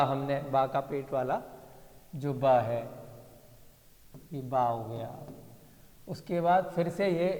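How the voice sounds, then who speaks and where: In a large hall, a male teacher reads an inscription with his class, thinking aloud and checking in with his students. His voice is a little high with a darkish tone.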